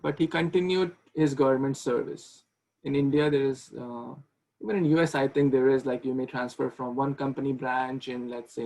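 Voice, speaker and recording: A man's voice: medium pitch, creaky, a little mellow, low-quality recording. A man in his thirties giving a conversational online devotional class over a video call, with frequent restarts. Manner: conversational, repeats and restarts words, asks questions. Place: small room indoors with ceiling fan. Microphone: video call webcam.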